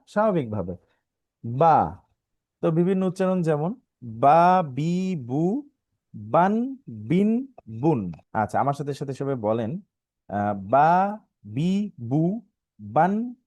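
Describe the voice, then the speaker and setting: A man's voice: on the high side, darkish tone, no echo. A man teaching an online live lesson on Arabic letter sounds, with a Bangladeshi Bengali accent, patiently drilling syllables and having learners repeat them. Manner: stretches out some sounds, half singing.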